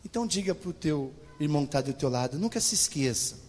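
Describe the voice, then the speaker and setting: A middle-aged man preaches to his congregation, talking straight to them. His voice sits high and swings widely in pitch. A long church reverb trails every phrase. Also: fast, faint music behind. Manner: animated preaching, addresses congregation directly. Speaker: pastor. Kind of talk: sermon. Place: church hall.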